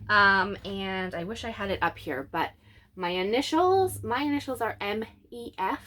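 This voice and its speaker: A woman in a relaxed show-and-tell chat to camera. She rambles, wanders off track and corrects herself mid-sentence, in a voice of middling pitch. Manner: chatty, rambling, self-correcting. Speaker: cross-stitch vlogger.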